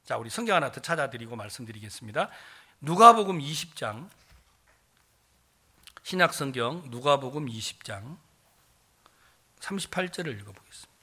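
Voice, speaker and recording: A man's voice: mid-range voice, sing-song, moderate pace, long pauses, sharp tone, breathy edge. A male pastor preaching a sermon, firing questions at the congregation and answering them himself.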